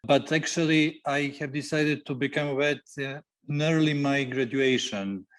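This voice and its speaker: A man, a guest veterinarian on a podcast interview, speaking haltingly with many fillers and grammar. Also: a little high, fairly even intonation. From Serbia. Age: 40s.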